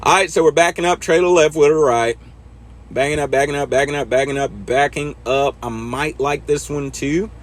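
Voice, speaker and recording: A man's voice: fairly high pitch, moderate pace. Laid-back man coaching truck backing. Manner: laid-back, talks to himself while driving. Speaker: truck driver teaching backing. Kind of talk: casual instructional commentary over gameplay.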